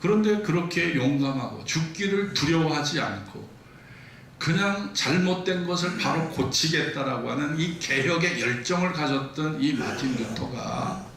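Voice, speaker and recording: A man's voice: fairly high pitch, expressive, normal speed, vocal fry, a bit bright, a little hiss or hum. A male pastor preaching a sermon, retelling stories vividly in a church sanctuary. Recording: echoey church hall, distant mic.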